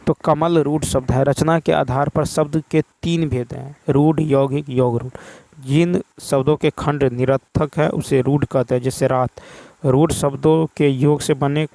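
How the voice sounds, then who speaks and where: Gravelly-voiced male teacher, dry sound. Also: a little high, measured pace, dry recording. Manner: steady, explanatory, reads a question then gives the answer. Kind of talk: exam paper discussion lesson.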